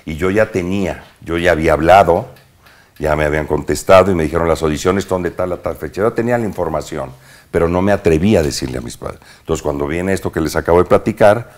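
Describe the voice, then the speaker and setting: Talking fast in a low-pitched voice, a Mexican-accented actor from Veracruz relives his younger days for a casual interviewer. His anecdotes are animated and peppered with slang and sound words.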